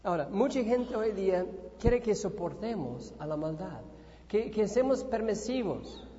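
Animated male preacher in an echoey hall. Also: high voice, unhurried, a little hiss or hum. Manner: animated storyteller, acts out his own panic. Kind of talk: sermon with personal storytelling. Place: church. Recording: echoey hall, dull lo-fi sound.

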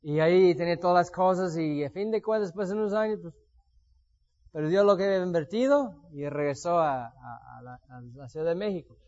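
A man's voice: high voice, fairly quick, darkish tone, dull audio. A man giving a sermon with personal testimony, telling stories and acting out what he once said. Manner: storytelling, acts out his own past words. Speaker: preacher.

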